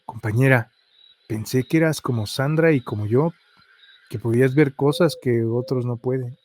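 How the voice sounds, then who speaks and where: A man's voice: mid-range voice, normal speed, close to an everyday voice. A man reading as a serious station supervisor. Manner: serious, steady. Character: calm, serious woman station supervisor who sees ghosts.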